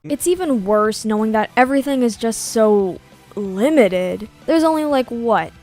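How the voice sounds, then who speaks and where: A woman's voice: a little high, lively intonation, unhurried, darkish tone, soft background music. A woman delivering a scripted review rant in a blunt, scornful tone. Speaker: co-reviewer in a played clip.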